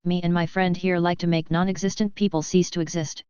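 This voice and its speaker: A man's voice: high voice, flat delivery, fairly quick, a little mellow, smooth, no room sound, dull audio, close to an everyday voice. A woman reading the lines of a cruel older male police officer in a menacing, mocking way.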